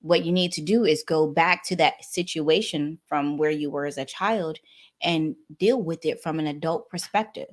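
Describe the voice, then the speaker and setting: Talking about wellness as a guest on a talk show, a woman in her thirties speaks in a low voice at a normal speed. Her manner is earnest and animated, and she speaks straight to the audience.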